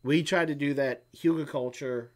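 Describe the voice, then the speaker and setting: Co-hosting a homestead live stream, a middle-aged man speaks at a moderate pace in a fairly high voice with fairly even intonation. It's casual chat and Q&A, delivered in a rambling, explanatory manner with frequent fillers.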